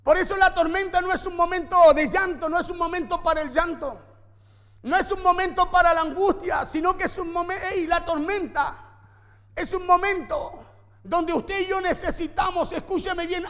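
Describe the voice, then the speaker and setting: Male pastor, very high voice, emphatic sermon, church reverb. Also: a bit bright. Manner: emphatic preaching with repeated phrases and rhetorical questions.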